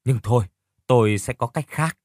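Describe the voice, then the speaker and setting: A man's voice: medium pitch, moderate pace, darkish tone, no echo, clean studio sound, close to an everyday voice. A man voicing a shrewd, scheming young woman who answers curtly and evasively. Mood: sly.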